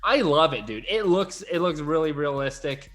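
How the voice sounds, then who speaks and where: A young man co-hosting a gaming podcast, excitable and teasing in casual banter. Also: fairly high pitch, moderate pace, faint music behind. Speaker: podcast co-host.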